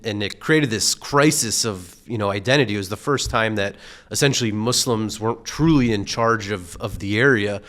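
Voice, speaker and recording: A man with a lowish, slightly bright voice appears as an expert guest in a relaxed interview. He explains things patiently and fills his speech with phrases like "you know."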